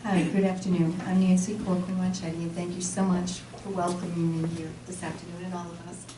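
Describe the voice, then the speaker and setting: A woman with a lowish voice gives a measured, gracious candidate speech, and her intonation stays flat throughout. She is heard from a distance in an echoing room, with clear background noise. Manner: gracious, measured, level delivery. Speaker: candidate for planning board. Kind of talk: candidate speech at a public forum. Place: community meeting room. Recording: echoey hall, mic far off, noisy.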